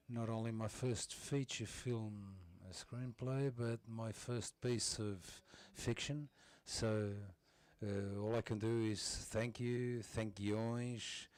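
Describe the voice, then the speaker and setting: Slow, halting man. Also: on the low side, darkish tone. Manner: halting, stop-and-start delivery. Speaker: simultaneous interpreter. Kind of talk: live interpreting of ceremony speeches.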